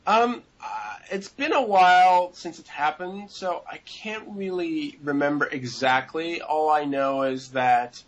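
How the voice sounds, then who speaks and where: A man's voice: on the high side, unhurried, few pauses, low-quality recording. A man in his twenties answering interview questions in a rambling way, with many fillers and restarts.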